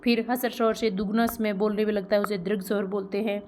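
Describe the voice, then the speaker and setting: A woman teacher walks her class through grammar step by step, posing rhetorical questions, checking they're following, and drawing out sounds slowly as examples. Her mid-range voice is a little mellow and shows little pitch movement.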